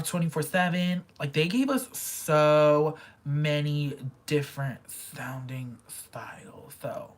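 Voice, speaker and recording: She's a low-voiced young woman fan reviewing K-pop albums in a casual music vlog. Chatty and gushing, she slips into quiet whispers now and then.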